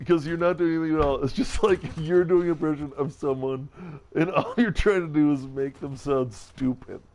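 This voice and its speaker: A man's voice: a little high, darkish tone. A man streaming a video game, rambling and joking about whatever comes to mind with self-mocking asides. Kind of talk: casual let's-play commentary.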